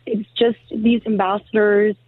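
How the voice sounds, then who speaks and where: A woman's voice: medium pitch, flat delivery, a little slow. A woman founder calling into a radio show on a narrow, lo-fi phone line like AM radio, talking in a chatty way with many fillers. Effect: narrow lo-fi phone-line sound, like AM radio. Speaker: program founder, radio guest. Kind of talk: casual radio interview. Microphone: phone call into the studio. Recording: tinny dry phone line.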